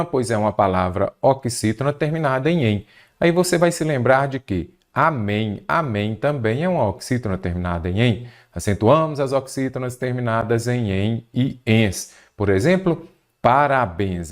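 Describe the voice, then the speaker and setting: A Brazilian man teaching an exam-prep grammar lesson, explaining step by step and asking and answering his own questions. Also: mid-range voice. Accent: Brazilian Portuguese.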